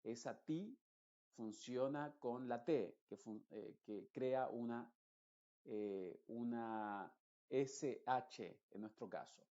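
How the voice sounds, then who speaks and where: A man whose first language is Spanish, teaching an English pronunciation lesson, explaining with fillers and slowly repeating example words. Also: medium pitch, warm tone, muffled recording.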